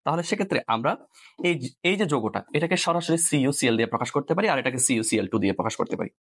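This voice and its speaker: Fast-talking Bangladeshi male teacher. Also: medium pitch, expressive. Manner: quick, repeats points, asks "clear?"; mixes in English words. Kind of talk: live online class.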